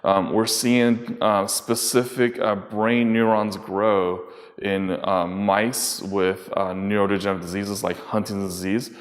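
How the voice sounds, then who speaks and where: Low-voiced man, halting, long reverb. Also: flat delivery. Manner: halting, many fillers and restarts. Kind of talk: explanatory talk.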